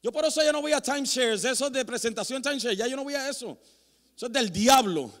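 A man preaching as a pastor, telling animated, self-mocking stories with many restarts. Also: extremely high pitch, fast. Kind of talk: storytelling sermon. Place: church sanctuary. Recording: long hall reverb in a church.

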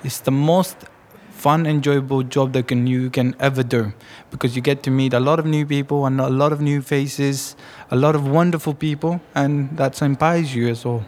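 A man from Afghanistan with an Afghan accent, speaking English in a casual interview about his fundraising award, pausing often with ums. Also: mid-range voice, fairly even intonation, darkish tone. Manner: hesitant, with frequent ums.

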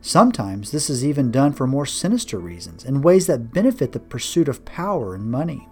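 A man's voice: mid-range voice, sing-song, brisk, warm tone, husky, soft background music. A man who is a pastor and podcast host, reading his devotional blog aloud as earnest, reflective storytelling into a close microphone. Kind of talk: read devotional blog narration.

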